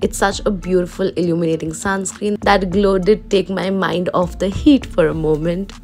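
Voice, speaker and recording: A woman's voice: lowish voice, fairly even intonation, normal speed, a little mellow. A woman in her twenties with an Indian accent, giving a casual, playfully dramatic makeup voice-over as a beauty vlogger. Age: 20s. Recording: voice-over with music behind.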